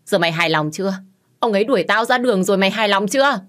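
A woman voicing an angry middle-aged mother who shouts, scolds and wails bitterly. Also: medium pitch, expressive, very fast, pitched above the performer's own voice, close to an everyday voice. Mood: furious.

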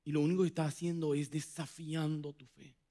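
A man preaching a sermon as pastor, dramatic, acting out quoted voices with big swings from loud to hushed. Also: a little high, level tone, brisk. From Paraguay. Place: church hall.

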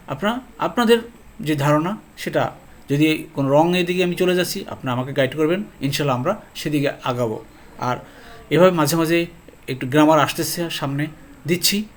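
A man teaching Quran grammar in a slightly high voice. His delivery is lively, with stressed words and frequent checks that students follow. He slows down when he reads verses aloud. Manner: speaks slowly when reading out verses. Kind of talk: lesson on a video channel.

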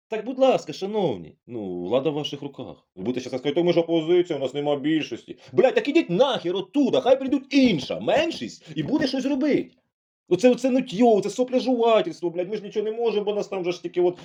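A man's voice: fairly high pitch, dark tone. Heated, profane man ranting. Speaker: political commentator. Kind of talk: ranting monologue.

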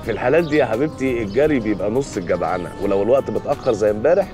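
An actor playing a joking, boastful young fiancé, speaking in Egyptian Arabic with a coaxing, teasing manner. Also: male voice, fairly low pitch, lively intonation, rapid-fire, close to an everyday voice. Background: music.

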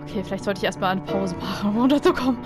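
A woman's voice: mid-range voice, very fast, low-quality recording. A woman giving let's play commentary, easily frightened, swearing often and shrieking when scared. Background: game music.

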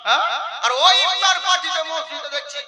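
A man preaches at a large open-air gathering in a very high, piercingly bright voice. He talks fast and fires off rhetorical questions and jokes. His shouts carry into a roomy, echoing PA sound. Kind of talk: sermon at a religious gathering. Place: large outdoor gathering on a stage. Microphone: stage microphone.

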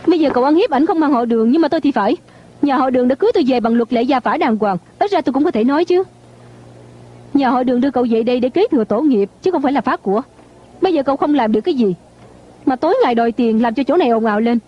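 A woman's voice: high voice, expressive, very fast. A woman dubbing a defiant young daughter-in-law in a TV drama, indignant and lecturing. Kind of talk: dubbed TV drama. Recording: dull lo-fi dub.

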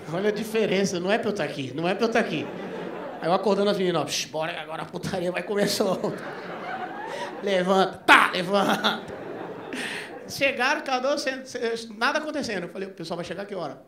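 A man doing stand-up, telling a long story and acting out both sides of the dialogue, his voice jumping up into near-shouts at the punchlines. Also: high-pitched, a little fast, pauses often. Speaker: stand-up comedian. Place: comedy club stage before a live audience. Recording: echoey club with crowd noise and laughter.

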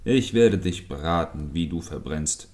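A man's voice: extremely low pitch, animated, measured pace, a little mellow. A man playing a grumpy, short-tempered fisherman who scolds and threatens his fishing hook in a storybook reading. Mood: angry. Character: grumpy, hot-tempered adult male fisherman.

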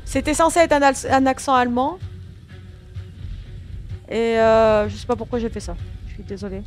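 A woman's voice: a little high, steady tone, moderate pace, soft background music. A woman giving casual gameplay commentary, chatting to her viewers and grumbling back at the game. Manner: chatty, talks back to the game and swears lightly at it; addresses viewers as friends. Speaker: gaming channel host.

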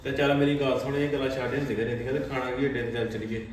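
A man's voice: medium pitch, little pitch movement, fast talker, slight background noise, lightly acted. A man playing a young son who argues back defensively with his mother. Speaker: son in a family skit. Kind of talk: comic family skit acting. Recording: echoey room from a distance.

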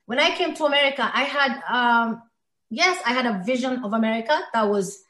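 Her voice sits on the high side, a little fast and fairly bright, with a reverberant sound. Born in Somalia and brought up in Kenya, she's a podcast guest in a heartfelt interview, earnest and emphatic, stressing points by repeating words.

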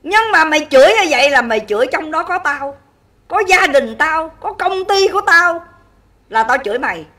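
A woman's voice: high-pitched, expressive, normal speed, pushed and bright, recorded from a distance. A woman hosting a livestream, scolding and insulting at length and asking her viewers again and again if she is right. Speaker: livestream host. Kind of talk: angry livestream rant.

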